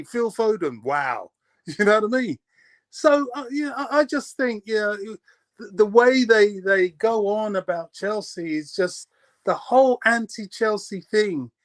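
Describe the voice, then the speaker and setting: A man's voice: sits high, no echo. A man co-hosting a football fan show, ranting passionately in casual chat. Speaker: co-host.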